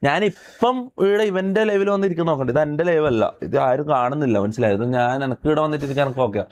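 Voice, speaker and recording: A man's voice: fairly high pitch, quick pace, darkish tone. A man talking on a livestream, emphatic and aggrieved, who keeps checking that listeners understand. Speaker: streamer. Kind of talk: livestream chat.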